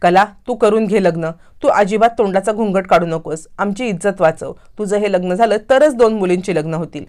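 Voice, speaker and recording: A woman's voice: mid-range voice, brisk, few pauses, darkish tone, lightly acted. A woman voicing an anxious mother urging her daughter to go through with a wedding. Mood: urgent. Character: worried mother scheming to save family honor.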